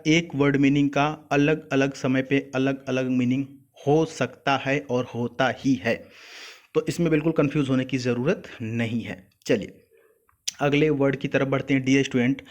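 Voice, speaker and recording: A young man teaching a vocabulary lesson for exam students, explaining word meanings patiently and repeating key points. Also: fairly high pitch.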